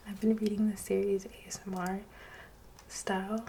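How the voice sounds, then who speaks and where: Woman, soft-spoken ASMR reading, half-whispered, even and level tone, street noise in the background. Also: mid-range voice, a little slow, vocal fry. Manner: drifts between soft voice and whisper. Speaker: ASMR channel host. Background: street traffic.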